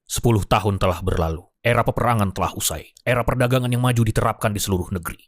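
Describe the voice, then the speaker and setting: A man's voice: fairly low pitch, very fast, soft background music. A man narrating a film plot as a scripted story, in a dramatic but informal storyteller's manner.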